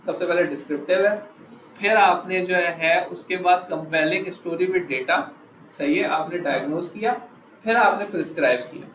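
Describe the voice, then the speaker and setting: A man teaching a live class, quizzing his students and stopping often to check that they follow, slowing right down on the key phrases. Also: high-pitched, fairly bright tone. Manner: slows down to stress key phrases. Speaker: instructor. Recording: echoey room, background noise.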